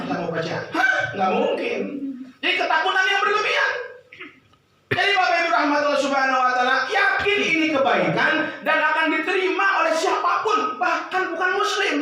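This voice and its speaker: A man preaching and motivating a live audience, often shouting and acting out hushed prayers. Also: very high-pitched, a little hiss or hum. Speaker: preacher and business motivational speaker. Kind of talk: rousing seminar talk to a live audience. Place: large meeting hall with an audience. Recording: echoey hall, voice from far off.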